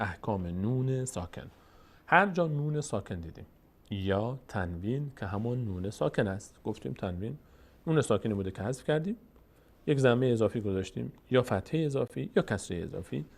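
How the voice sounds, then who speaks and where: A man teaching Quran reading step by step. He is patient and repetitive, answers his own questions, and slowly stretches out sounds when demonstrating them. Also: mid-range voice, creaky, darkish tone. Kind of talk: step-by-step recitation lesson.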